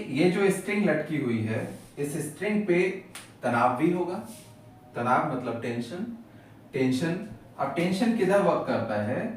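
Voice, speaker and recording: A man teaching maths as a lecture, patient and methodical, explaining each step and repeating key terms. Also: on the high side. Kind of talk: classroom lecture at a board. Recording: echoey room from far off, faint hiss.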